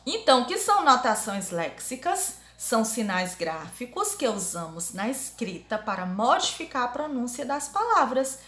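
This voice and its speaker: A fairly high, bright-voiced woman teaches young children a grammar lesson. She has a Brazilian accent and repeats each example word slowly and clearly. Her voice rings around an echoey room. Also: big pitch swings. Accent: Brazilian Portuguese. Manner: drills words aloud, repeating them slowly. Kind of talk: primary school grammar lesson.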